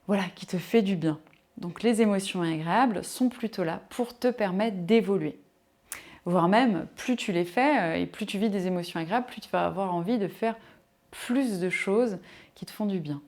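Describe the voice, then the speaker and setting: A woman's voice: mid-range voice, a little mellow. A woman giving a casual spoken talk on personal growth as a coach, addressing the listener directly with many fillers.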